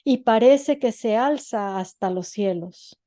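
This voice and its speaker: A woman's voice: a little high, takes it slowly, warm tone. A woman voicing an awed island king. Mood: earnest. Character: awed island king, grown man, earnest.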